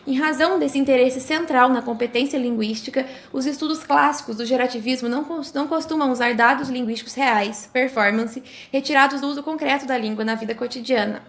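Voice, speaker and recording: A young woman, a student presenter reading an academic explanation aloud in a steady way, now and then restarting a word. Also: high voice, fairly quick, few pauses. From Brazil.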